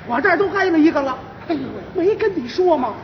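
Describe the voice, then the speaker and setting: Animated high-voiced woman storyteller. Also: a faint crowd, a little hiss or hum. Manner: animated, acting out quick exchanges. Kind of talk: comic storytelling performance. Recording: dull lo-fi recording in a reverberant hall.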